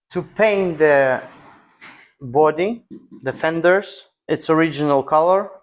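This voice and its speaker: Slow-spoken man with a Russian accent. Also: a little high. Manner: halting non-native English in short phrases. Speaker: host of a car restoration channel. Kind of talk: casual vlog talk to camera. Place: garage.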